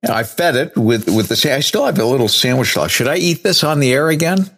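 A man's voice: medium pitch, expressive, fairly quick, a bit bright, husky. A man hosting a podcast, chatting in a light-hearted way and laughing easily. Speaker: podcast host. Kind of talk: casual chat.

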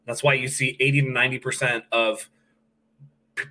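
Bright-voiced man analyzing football contracts. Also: mid-range voice, little pitch movement, normal speed. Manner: analytical, repeats phrases while building a point. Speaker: podcast co-host. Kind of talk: casual sports chat.

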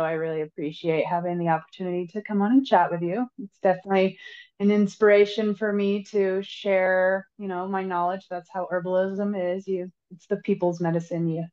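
A woman's voice: on the low side, darkish tone, lo-fi sound. A woman herbalist guest on a podcast, giving earnest advice and often repeating words as she thinks. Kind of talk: casual podcast interview.

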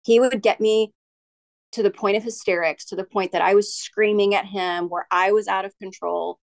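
Gravelly-voiced woman recounting her marriage. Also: medium pitch, fairly even intonation, dry recording. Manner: halting, with frequent restarts and ums. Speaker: podcast guest. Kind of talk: candid interview storytelling.

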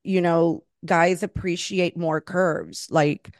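A middle-aged woman from Florida talks with a podcast guest in a relaxed, chatty way. She reminisces easily and encourages the guest. Her voice sits close and dry, with no room sound around it. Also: lowish voice, takes it slowly, no room sound. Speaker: podcast host. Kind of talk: casual interview chat.

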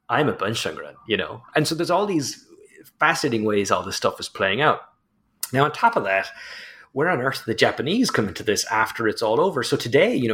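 A man's voice: on the low side, fairly bright tone. A man, the author guest, explaining and telling anecdotes in a chatty way, peppered with "you know". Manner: chatty, storytelling, frequent "you know" and laughter. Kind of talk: conversational explanation in an interview.

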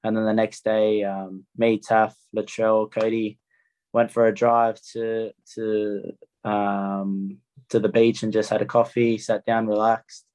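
A man's voice: lowish voice, flat delivery, slow pace, a little mellow. A young man with an Australian accent, a rugby player giving plain, understated answers in a casual interview. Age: young adult.

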